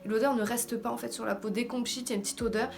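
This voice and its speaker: A woman's voice: a little high, fairly even intonation, rapid-fire, vocal fry, darkish tone, faint music behind. A woman with a French accent, also on English words, giving an informal, slangy, self-deprecating beauty haul chat. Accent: French, heard also in her English. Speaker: beauty vlogger. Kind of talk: casual haul video chat. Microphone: camera in front of her with ring light.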